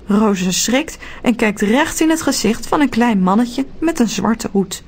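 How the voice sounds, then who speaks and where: A woman narrating a children's storybook audiobook in a steady, clear telling. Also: a little high, measured pace, a little hiss or hum.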